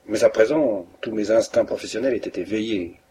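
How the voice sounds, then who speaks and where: A man reading a detective story aloud as an audiobook narrator, in a measured storytelling manner. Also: on the low side, dark tone, breathy edge.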